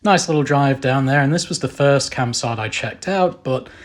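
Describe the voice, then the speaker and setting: A man's voice: mid-range voice, normal speed. A man narrating a camping vlog in a chatty, informal storytelling way. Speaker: camping vlogger. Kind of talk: casual travel vlog narration.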